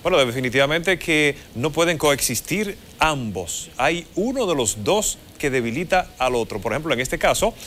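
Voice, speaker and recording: A man's voice: a little high, lively intonation, moderate pace, few pauses, fairly bright tone, a little hiss or hum. A man explains the weather live in a formal, explanatory way as a TV forecaster. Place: TV studio. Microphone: lapel mic.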